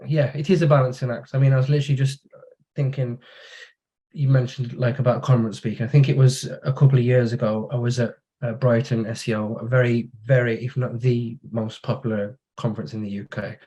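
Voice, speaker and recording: A man with a mellow, warm voice talks in a relaxed way on a podcast. He tells long stories from his working life and briefly acts out the voices of the people in them. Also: medium pitch. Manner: relaxed storytelling, acts out quoted dialogue. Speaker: podcast guest. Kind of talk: casual conversation.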